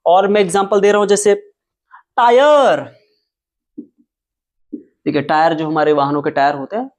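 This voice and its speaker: A man teaching English at a whiteboard who explains step by step, spells words out letter by letter and repeats them slowly. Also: on the high side. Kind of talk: whiteboard lesson. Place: classroom with whiteboard.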